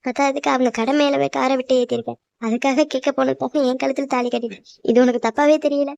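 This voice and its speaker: A woman voicing a defiant young heroine, quick and high. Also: fairly even intonation, vocal fry, no echo, highs cut off. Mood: indignant. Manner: sharp, accusing, indignant. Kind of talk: cartoon voice acting.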